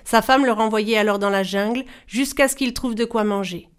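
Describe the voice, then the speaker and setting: A woman storyteller reading a folktale aloud in a measured, expressive style. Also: on the high side, smooth. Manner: measured, animated voices for characters.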